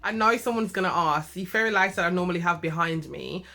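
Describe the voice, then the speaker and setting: A young British beauty vlogger reviews fragrances in a chatty, affectionate way, full of asides to viewers, and a cough leaves her slightly nasal. Her voice is fairly low, quick, creaky and bright, with a forceful tone.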